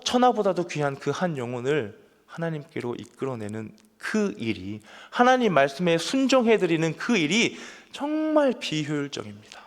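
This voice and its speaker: Pastor, male, thirties, earnest sermon voice, animated and fairly high, long church reverb. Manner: earnest, asks listeners questions, builds to emphatic peaks. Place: church sanctuary.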